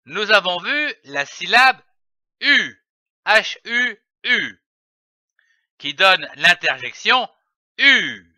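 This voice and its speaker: A man teaching a reading lesson, spelling out syllables slowly and clearly with emphatic delivery. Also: high voice, pushed and bright, dry recording, lo-fi sound. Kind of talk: slow, deliberate reading lesson.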